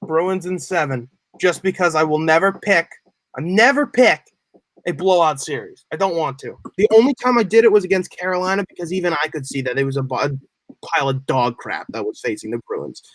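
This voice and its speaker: A man's voice: a little high, brisk, no echo. Young man chatting sports, dry close mic. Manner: animated, rambling explanations. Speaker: podcast co-host. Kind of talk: casual sports chat.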